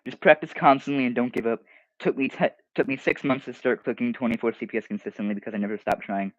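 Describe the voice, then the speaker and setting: A man's voice: medium pitch, fairly even intonation, fast, no room sound, highs cut off. A teenage streamer, casually reading comments aloud and mocking them, often restarting his sentences.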